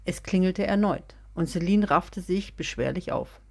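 A woman narrating a serialized German audio story in a calm, even reading voice. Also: lowish voice, unhurried, gravelly. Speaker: podcast storyteller.

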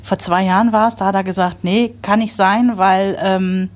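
A woman's voice: medium pitch, fairly even intonation, normal speed. A woman chatting casually as a podcast guest, talking in a chatty, easygoing way. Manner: chatty, laughs often. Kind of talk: casual chat.

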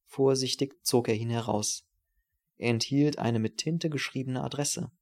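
A man narrating a novel in a measured, even reading. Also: mid-range voice. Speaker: audiobook narrator. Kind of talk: scripted literary narration.

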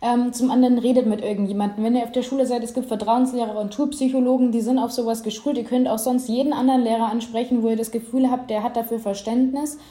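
A young woman being interviewed answers with earnest conviction, speaking openly from her own experience. Her fairly high voice is mellow rather than bright, and her delivery is flat and quick with few pauses. The room gives off a noticeable echo.

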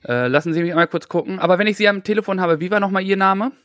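A man's voice: high-pitched, racing, a bit bright, no room sound, pitched above the performer's own voice. Man playing a mock-earnest phone caller, dry close sound. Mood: officious. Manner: mock-polite, formal, hesitant. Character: mock-earnest male tenant and consumer hotline surveyor. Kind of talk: improvised comic phone role-play.

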